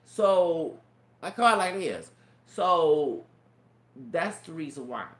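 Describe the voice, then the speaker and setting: With a fairly high, expressive voice that sounds feminine, a man in his thirties slowly tells a meandering personal story. He stammers, restarts again and again, curses, and keeps adding "you know what I'm saying." There's roomy echo and faint noise behind him.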